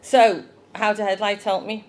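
A woman's voice: mid-range voice, flat delivery, normal speed. A woman giving a chatty children's talk in church, asking the young ones questions.

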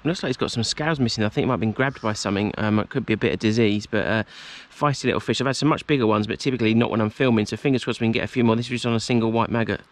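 A man's voice: lowish voice, very fast, hardly any pauses. A middle-aged man giving casual vlog commentary as he fishes from a boat outdoors. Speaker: angling vlogger. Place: outdoors on a small boat on open water. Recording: wind and boat noise outdoors.

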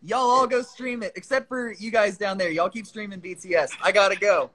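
A man's voice: high-pitched, fairly even intonation, a little fast, bright, forceful tone, low-quality recording. A man hosting a casual livestream from his phone, joking around and swearing freely with viewers who join the stream. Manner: swears a lot, loose and jokey. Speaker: livestream host.

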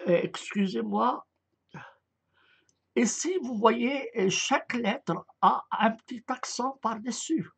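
In a slow explanatory online lecture on Arabic script, a man speaks at an extremely high pitch, his voice gravelly, a bit bright and breathy at the edges. He hesitates, fills pauses with sounds, and takes the letter sounds one at a time.

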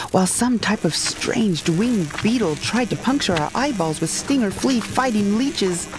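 Over background music and poor audio, a narrator with a medium-pitched voice tells a first-person sci-fi comedy story. The delivery is scripted, florid, and dramatic.

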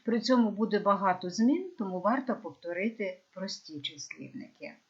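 A woman teaching a lesson, saying each word with clear, careful pronunciation and drilling them by repetition. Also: mid-range voice, animated, moderate pace. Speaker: English teacher. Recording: dull lo-fi recording.

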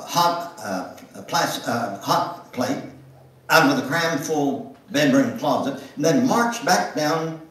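A man giving a dramatic, expressive reading of a memoir as a guest speaker in a church. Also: on the high side. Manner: expressive, slow, with big swings in delivery. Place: church sanctuary. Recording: echoey church from a distance.

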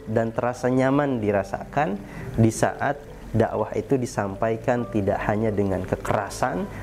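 A man in his thirties from Indonesia gives a short morning sermon at a desk, calm and unhurried, with gentle fillers. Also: on the low side, noisy background. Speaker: preacher and founder. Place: small indoor office studio with poster wall. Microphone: seated at desk, camera at medium distance.

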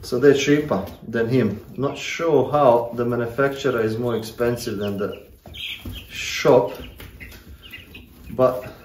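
Filming on a handheld phone at arm's length, this thirtysomething homesteading vlogger chats as he works in a stone workshop shed, poking fun at himself and using plenty of fillers. His voice is mid-range, steady and darkish, and he takes his time. Faint noise hangs in the echoey shed.

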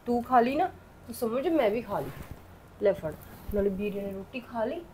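A woman with a Punjabi accent playing a gentle daughter-in-law who soothes and pleads. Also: a little high, lively intonation, normal speed, slight background noise, close to an everyday voice. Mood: soothing.

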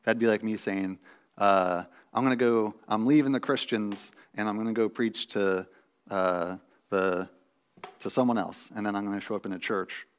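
A man's voice: lowish voice, steady tone, normal speed, clean tone. A man in his thirties preaching a sermon from a pulpit in a church sanctuary, teaching conversationally with restarts and fillers. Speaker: pastor.

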